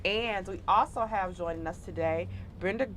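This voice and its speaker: A woman's voice: medium pitch, normal speed, fairly bright tone, a little hiss or hum, rough recording. A woman hosting a community radio show, interviewing her guests in an informal, conversational way.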